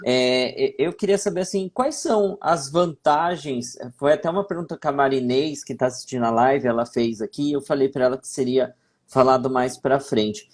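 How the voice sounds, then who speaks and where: A host running a live-stream interview, with a voice at middle pitch. They ask questions in an easy way and read out viewers' questions to the guest. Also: moderate pace.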